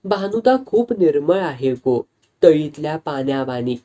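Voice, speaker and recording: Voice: medium pitch, lively intonation, measured pace, mellow, highs cut off, close to an everyday voice. A storyteller voicing a frank village wife who earnestly explains things to her close friend. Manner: earnest, confiding, explaining at length. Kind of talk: storytelling with character voices.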